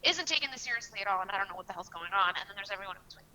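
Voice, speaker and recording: A woman hosting a casual video call conversation, talking quickly and lively. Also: mid-range voice. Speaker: host. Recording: distant tinny phone-line sound.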